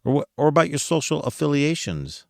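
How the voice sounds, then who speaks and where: An American podcast host with a fairly high, creaky, slightly mellow voice chats casually with his listeners, tossing out rhetorical questions and chuckling along the way. He talks briskly and with lots of animation, and the recording is clean studio sound with no echo.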